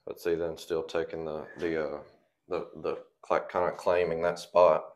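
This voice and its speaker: A low-pitched man talks through a dog training session in a casual, explaining way, often checking in with "right?". He is picked up from across a very echoey room, with faint noise behind him. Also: moderate pace. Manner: relaxed, explanatory, lots of "like" and "right?". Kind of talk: casual instruction. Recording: very echoey room, mic at a distance.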